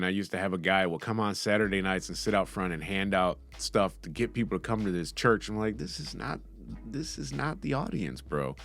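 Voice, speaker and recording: A man's voice: mid-range voice, fairly bright tone. A man hosting a podcast, delivering sarcastic commentary with a mocking, snarky manner. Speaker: podcast host.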